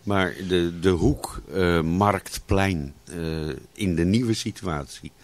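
A man's voice: deep voice, slow pace. A man co-hosting a local radio show, interjecting with short affirmations and follow-up questions. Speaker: radio co-host. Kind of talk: casual radio talk.

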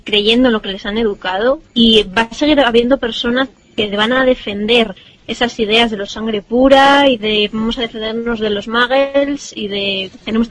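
A woman's voice: fairly high pitch, fairly bright tone, rough recording. Thoughtful woman explaining her view. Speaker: debate panelist. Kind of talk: casual debate.

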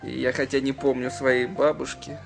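An actor playing a polite, earnest young guest in a drama, speaking in a courteous, slightly formal way. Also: male voice, medium pitch, level tone, moderate pace, creaky, music in the background, close to an everyday voice. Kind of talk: naturalistic drama acting.

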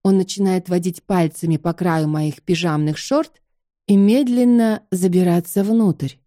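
A woman narrating an audiobook in a calm, even reading. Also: on the low side, a little slow.

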